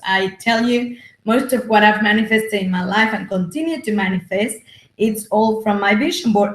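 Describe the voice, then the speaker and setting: A woman interviewer and retreat host, talking in an enthusiastic, praising way. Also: medium pitch. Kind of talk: casual interview chat. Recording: roomy echo.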